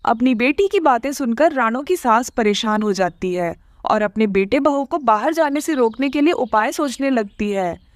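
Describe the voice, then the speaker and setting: Expressive woman storybook narrator. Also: fairly high pitch, moderate pace, no room sound, studio quality.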